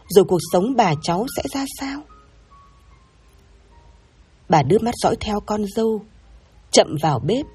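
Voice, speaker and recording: A woman storyteller reads a scripted story in a measured, reflective way. Her voice is very breathy and husky, with a dark, mellow tone, and soft music plays faintly underneath. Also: mid-range voice.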